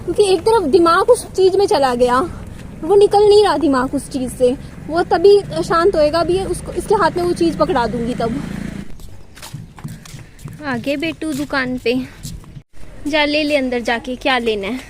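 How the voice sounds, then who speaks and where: A young mother gently coaxes and soothes her crying child, repeating short phrases, in a casual home vlog. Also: high voice, measured pace, long pauses, a little hiss or hum. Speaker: mother and vlogger.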